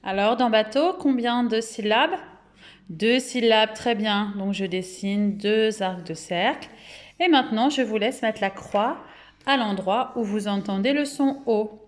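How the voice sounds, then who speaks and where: A woman with a French accent teaches a remote phonics lesson to small children. She speaks slowly and patiently, in a fairly high voice, and stretches out each word so the syllables can be counted. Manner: slow, clear, patient, syllables drawn out and repeated. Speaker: kindergarten teacher.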